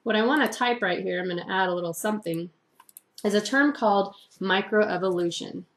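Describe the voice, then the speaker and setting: A woman's voice: medium pitch, a little fast. A woman teacher giving a recorded lecture, reading largely from her own typed notes in an explanatory way.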